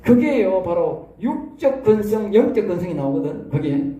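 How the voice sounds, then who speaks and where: Preaching in an echoing church hall, this male pastor from South Korea speaks at an ordinary pace in a high voice with a Gyeongsang accent. His sermon is folksy and spirited, full of rhetorical questions aimed at the congregation.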